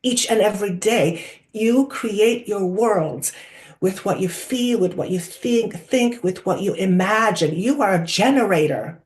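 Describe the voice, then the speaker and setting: A wise collective of spirit guides speaks through a person acting as medium in a trance-channeling seance. The delivery is deliberate and oracular, solemnly instructive. Key words are drawn out for emphasis, and questions are posed rhetorically. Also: mid-range voice, lightly acted. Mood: solemn, assured.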